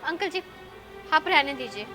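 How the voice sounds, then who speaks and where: A woman's voice: high voice, expressive, normal speed, sharp tone. A young woman playing an engaged woman who earnestly scolds her fiancé for disrespecting an elder. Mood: reproachful. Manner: reproachful, lecturing, earnest. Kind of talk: web short drama acting. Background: background music.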